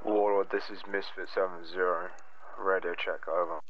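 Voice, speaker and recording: A man giving calm, clipped radio reports during a military sim game, heard over a radio with bursts of static. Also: deep voice, moderate pace. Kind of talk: clipped radio procedure talk. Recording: muffled distant radio with static.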